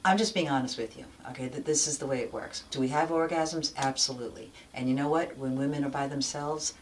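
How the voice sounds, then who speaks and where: A woman's voice: a bass voice, slight background noise. A woman hosting a talk show, explaining things candidly and checking in with "okay?" as she goes. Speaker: show host. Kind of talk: frank casual talk.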